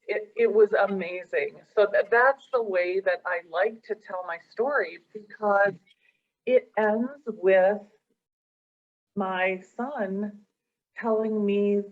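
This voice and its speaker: A middle-aged woman, a professional coach, earnestly tells a personal story in an interview, acting out the dialogue she recalls. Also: mid-range voice. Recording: dull lo-fi sound.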